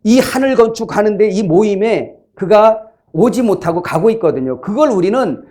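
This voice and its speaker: A man's voice: high voice, animated, moderate pace, darkish tone. A man preaching a sermon as pastor in a conversational way, acting out quoted inner voices.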